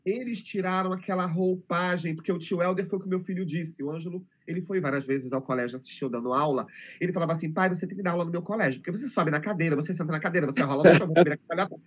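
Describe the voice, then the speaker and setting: A middle-aged Brazilian man, a teacher appearing as an interview guest, speaks very fast in a voice on the high side. In casual conversation he tells emotional stories about teaching children, acting out their voices.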